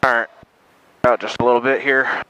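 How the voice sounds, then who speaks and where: A man's voice: mid-range voice, little pitch movement, normal speed, pushed and bright, clear, resonant tone, no echo, rough recording. A man piloting a small plane, making air traffic control radio calls and talking casually to himself. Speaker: pilot narrating his solo flight. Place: inside a small airplane. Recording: faint cockpit engine noise.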